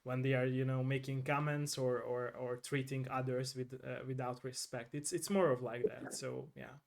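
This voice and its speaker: A man whose first language is Hungarian hosts a casual video interview. He speaks in a mid-range voice and hesitates, repeating words, with sudden loud emphasis on his points. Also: medium pitch, level tone, normal speed, creaky, slight background noise. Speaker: host, interviewer.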